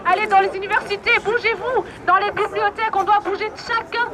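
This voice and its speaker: A woman's voice: very high-pitched, steady tone, fairly quick. A woman giving a blunt, scolding rally speech outdoors, urging the crowd to get moving. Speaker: rally speaker.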